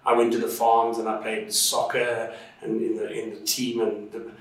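In a casual interview, a drone instructor and pilot from Zimbabwe tells warm, meandering stories about his past, packed with ums and false starts. His voice is on the low side, utterly flat in delivery and at normal speed, recorded from a distance in a very echoey room.

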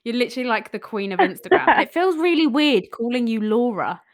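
A woman's voice: fairly high pitch, animated, fast. A woman hosting a podcast interview in a casual, chatty and enthusiastic way. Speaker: podcast host.

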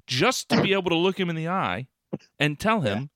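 A man co-hosting a podcast in a casual chat, talking in an animated, rambling, exclamatory way. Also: fairly high pitch, a little fast, no room sound. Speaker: podcast co-host.

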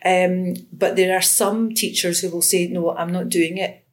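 Her delivery is flat and unhurried, with a lowish voice. In a conversational interview, the Scottish education researcher and lecturer, in her fifties, works through her research thoughtfully, restarting sentences often and filling gaps with fillers.

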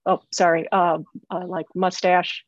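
A woman's voice: on the low side, level tone, measured pace, no echo, dull audio. A woman giving a psychic reading over a remote call, earnest and insistent, often stopping and repeating her phrases. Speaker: psychic medium.

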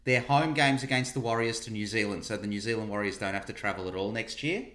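A man's voice: on the low side, fast talker, a bit bright. A man hosting a casual sports review podcast, talking wryly and repeating himself for emphasis.

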